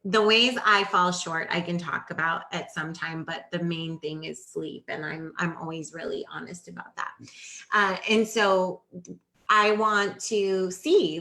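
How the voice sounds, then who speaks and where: Forties woman host, earnest explainer on a live stream, lowish pitch with a bright edge. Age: 40s. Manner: earnest, explanatory, thinks aloud with restarts. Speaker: host of a fertility Q&A. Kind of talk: live-streamed advice talk.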